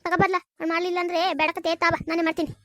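A shrill scolding village wife. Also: little pitch movement, a bit bright. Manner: scolding, rapid complaints. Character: sharp-tongued village wife, woman. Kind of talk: cartoon voice acting.

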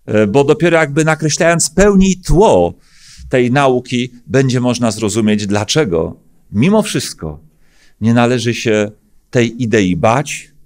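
A man's voice: mid-range voice, animated, measured pace. A middle-aged man from Poland, a pastor, preaching a sermon at a lectern, with earnest emphatic questions and frequent hesitant fillers. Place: church hall stage at a lectern. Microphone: lectern microphone.

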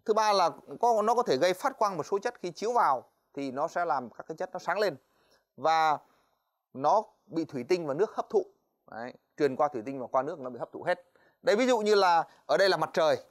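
A man teaching physics in a televised exam-review lesson, talking to students in a chatty way with many fillers and quick checks for understanding. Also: fairly high pitch, lively intonation. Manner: quick, chatty, stops often on "đấy" and "ờ"; addresses students directly, asks "right?".

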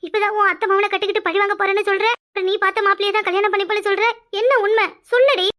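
A woman voicing a domineering, scheming middle-aged village mother in a cartoon, with a Kanyakumari Tamil accent, scolding fast and loud. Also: little pitch movement. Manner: shrill, scolding, fast, rising to yells. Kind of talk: cartoon voice acting.

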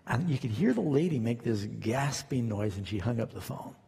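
A man's voice: mid-range voice, animated, moderate pace, gravelly, dark tone, slightly rough, in a large hall. A man preaching a sermon as a pastor, telling stories and rising into emphatic questions.

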